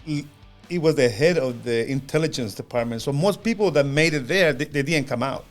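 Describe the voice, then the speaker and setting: Earnest Chilean man, halting speech. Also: medium pitch, soft background music. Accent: Chilean Spanish. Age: 50s. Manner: halting, repeats words, earnest. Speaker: podcast co-host. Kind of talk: casual podcast chat.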